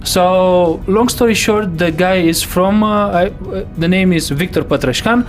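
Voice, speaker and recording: Laid-back male co-host, slightly high voice. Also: a little slow, faint music behind. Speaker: podcast co-host. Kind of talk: casual chat.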